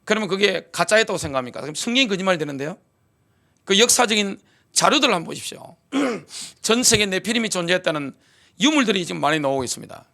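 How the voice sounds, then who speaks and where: A man preaching to his congregation in a high, bright voice with a gravelly edge. He keeps firing rhetorical questions and answers them himself with force. He clears his throat between points. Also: lively intonation, fast talker. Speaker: pastor. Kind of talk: sermon. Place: church sanctuary.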